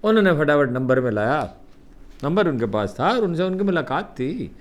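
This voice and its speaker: An older man with a Pakistani Urdu accent tells stories from memory. His fairly high voice rises and falls a great deal as he acts out what others said. His delivery is unhurried and conversational. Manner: lively anecdotal telling with acted-out quotes. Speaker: columnist recounting memories. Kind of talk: storytelling anecdotes.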